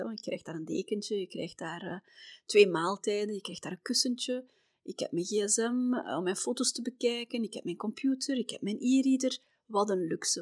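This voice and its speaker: A middle-aged Flemish woman from Belgium hosting a podcast, telling personal travel stories in a chatty way, often dropping to a soft near-whisper. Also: mid-range voice, no room sound, studio quality. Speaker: podcast host.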